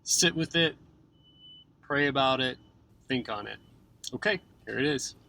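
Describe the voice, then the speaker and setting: A man opening a podcast episode who speaks directly to his listeners with an earnest, gentle appeal. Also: mid-range voice, a little slow, creaky, low-quality recording. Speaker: podcast host.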